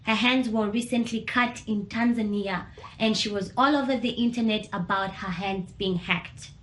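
A woman's voice: medium pitch, moderate pace, fairly bright tone, roomy sound. A young woman speaking candidly and earnestly, telling her own story in a conversational way. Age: young adult. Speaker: interviewee. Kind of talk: personal testimony.

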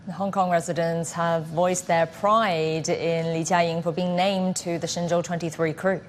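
A woman news anchor introducing reports in a formal, measured way. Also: on the low side, little pitch movement, a little hiss or hum.

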